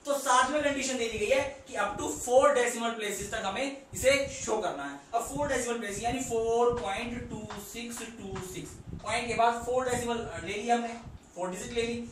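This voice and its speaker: A man teaching maths at a whiteboard has a very high, somewhat bright voice, captured from a distance in an echoey room with slight hiss or hum. He takes the problem step by step, counting aloud as he draws and asking rhetorical questions along the way.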